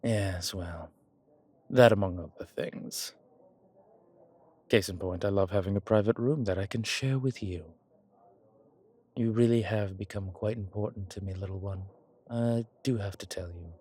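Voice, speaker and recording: Tender and courteous, a man voices an age-old vampire for an intimate audio roleplay, his fairly low pitch sounding husky and darkish. His refined delivery is measured, full of hesitant pauses and old-fashioned, formal language.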